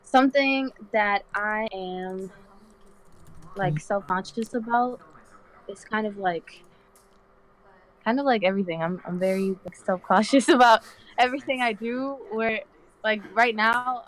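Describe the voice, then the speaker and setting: A woman's voice: medium pitch, moderate pace, low-quality recording. A nineteen-year-old woman from the Dominican Republic, chatting as a guest on a live stream in a slangy, rambling way full of "like". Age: young adult, 19. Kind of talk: casual chat on a live stream.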